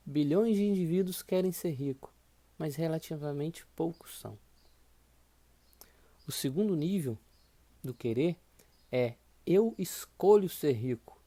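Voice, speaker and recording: A man's voice: a little high, warm tone. A man, teaching a motivational course lesson and urging listeners to repeat affirmations aloud with emphasis. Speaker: course instructor.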